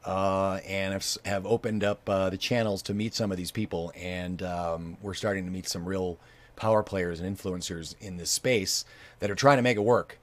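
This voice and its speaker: A man co-hosting a laid-back talk show. His voice sits a little low, and he stumbles along with frequent ums and restarts. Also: fairly even intonation. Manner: halting, many fillers and restarts. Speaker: co-host. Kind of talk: casual chat.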